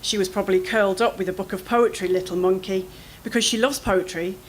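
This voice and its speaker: Her mid-range voice a little fast, a woman performs her first-person fiction at a literary event with anxious expressiveness. Slight background noise and poor audio mark the clip.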